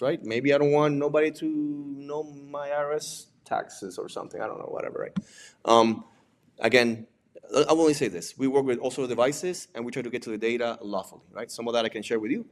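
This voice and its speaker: A medium-pitched man from Puerto Rico, a native Spanish speaker with a Puerto Rican accent, is giving an informal lecture. He's the presenter, a digital forensics examiner and instructor. His manner is conversational, full of rhetorical questions and points capped with "right?".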